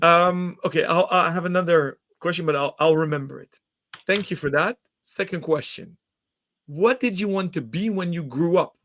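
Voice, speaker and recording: A man hosting a live interview show, asking questions in an energetic, enthusiastic way. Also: a little high, normal speed. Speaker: podcast host.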